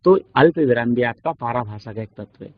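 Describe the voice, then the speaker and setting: A man with an Indian accent giving a classroom lecture, explaining slowly with many examples and rhetorical questions. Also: mid-range voice. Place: classroom studio. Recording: dull lo-fi recording.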